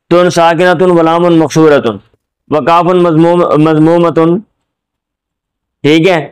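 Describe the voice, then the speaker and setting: Middle-aged Punjabi-male lecturer, patient and explanatory, clear resonant voice, slightly raised pitch. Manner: explains step by step, checks with "ٹھیک ہے؟"; switches into Punjabi for jokes. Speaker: teacher. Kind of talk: classroom lecture on Arabic Quran commentary.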